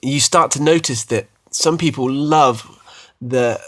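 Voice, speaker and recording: On the faith podcast he hosts with his wife, this thirtysomething man from the UK talks slowly in a fairly bright, mid-pitched voice. His easygoing storytelling is self-deprecating and keeps tripping over little restarts.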